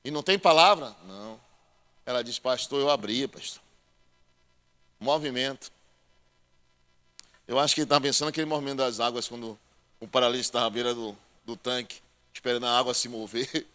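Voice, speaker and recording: A male pastor preaching a sermon, joking with the congregation and calling them brother, swinging between loud proclaiming and quiet asides. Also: mid-range voice, fairly quick, pauses often, smooth. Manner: addresses listeners as brother.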